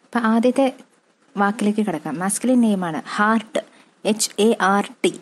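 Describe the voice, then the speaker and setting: A woman with a Malayali accent teaching an English vocabulary lesson, slowly spelling out words letter by letter and repeating them. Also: mid-range voice, slightly rough. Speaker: exam-prep English tutor. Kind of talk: classroom-style lesson.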